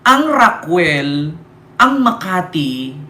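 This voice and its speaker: A man's voice: a little high, sing-song, extremely slow, sharp tone. A man from the Philippines doing heated political commentary as a vlogger, scolding his target and reading out viewer comments, with constant rhetorical questions. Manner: scolding, rhetorical, keeps asking "di ba?". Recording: echoey room with faint ambience.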